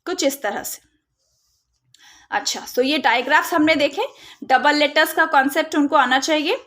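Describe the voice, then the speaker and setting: High-voiced woman teaching phonics sounds. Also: a bit bright. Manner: modelling letter sounds slowly and clearly; mixes Hindi with English terms. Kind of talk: instructional tutorial.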